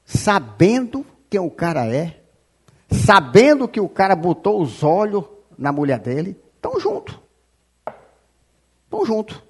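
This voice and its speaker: High-voiced, shouting man preaching. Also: wildly swooping pitch, unhurried, long pauses, breathy edge. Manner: shouting, scolding, repeating "rapaz"; quotes scripture aloud. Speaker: pastor. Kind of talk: fiery sermon.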